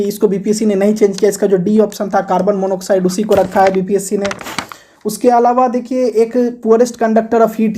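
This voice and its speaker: A man's voice: high voice, warm tone. A man teaching an exam-preparation video lesson, explaining answers one point at a time in a conversational way.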